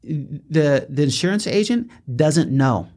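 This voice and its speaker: A man who is an attorney hosting a podcast, explaining legal pitfalls in casual chat, lively and quick to chuckle. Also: a little high.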